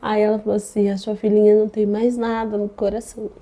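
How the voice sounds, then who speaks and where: A woman's voice: mid-range voice, level tone, fast talker, dark tone. Earnest devout young Brazilian woman. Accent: Brazilian Portuguese. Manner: earnest, devout, repeats phrases. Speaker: mother giving a testimony. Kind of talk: emotional faith testimony.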